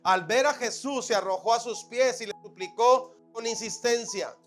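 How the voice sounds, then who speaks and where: Pastor guy preaching, pretty high voice, loud then hushed, faint music behind. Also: normal speed. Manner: preaching, swings between loud emphatic and soft quiet passages; counts points one by one and repeats phrases for emphasis. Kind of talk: sermon.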